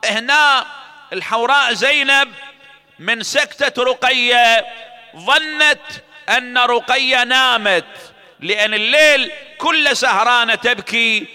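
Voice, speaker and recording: A man's voice: very high voice, slow pace, pushed and bright, smooth, big-room sound. A man reciting a mournful religious elegy in a dramatic, lamenting way, partly chanted. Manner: dramatic, tearful lamenting delivery.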